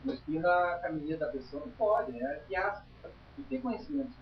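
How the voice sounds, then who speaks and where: A man's voice: a little high, animated, brisk, far from the mic, slight background noise. Chatty man teaching a study group. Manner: chatty, emphatic, tags lines with "tá?". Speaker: spiritualist teacher. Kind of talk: informal study-group lecture. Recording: roomy, dull lo-fi room recording.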